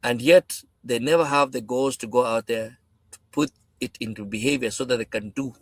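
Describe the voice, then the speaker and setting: A man's voice: mid-range voice, creaky, no room sound. A man giving a faith-based motivational talk as a panel speaker, emphatic and preachy, repeating words for weight.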